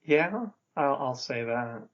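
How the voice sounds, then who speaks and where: A man appearing as a guest on a film podcast, tossing in quick, offhand remarks. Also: medium pitch, expressive. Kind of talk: casual film discussion. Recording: dull lo-fi podcast audio.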